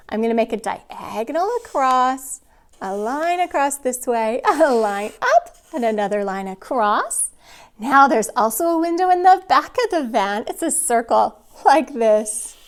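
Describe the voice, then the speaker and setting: A woman with a high voice speaks as a kids show host for kindergarteners. She gives step-by-step instructions very slowly, with simple encouraging prompts for the children. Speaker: children's drawing and spelling teacher.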